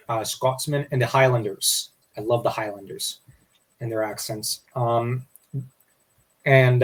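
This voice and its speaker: A man co-hosting a casual history discussion, rambling and restarting his sentences. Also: medium pitch. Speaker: podcast co-host.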